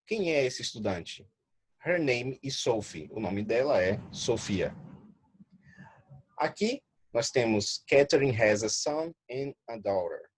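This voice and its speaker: A man with a slightly husky voice gives a recorded grammar lesson. He speaks at a middling pitch. He reads each English example slowly and then explains it patiently in his native Portuguese. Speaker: English teacher.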